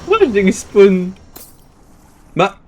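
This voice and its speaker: A young man streaming a game, chatting casually and shouting spell names into his mic. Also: sits high, big pitch swings, slow pace, soft background music. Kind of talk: casual gaming stream chat.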